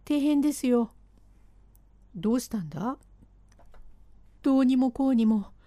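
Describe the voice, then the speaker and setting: Nervous Edo servant man, rough old-fashioned speech, pitched up high, put on by a woman reader, dry close sound. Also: lively intonation, measured pace, dark tone, dry recording. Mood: urgent. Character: timid, excitable Edo-era manservant, adult man.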